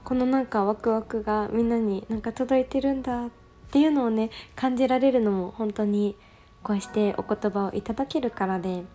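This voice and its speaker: A young woman hosting a casual solo radio talk, reading listener messages in a soft, gentle way with delighted thanks. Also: fairly high pitch, steady tone, fairly quick. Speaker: radio show host.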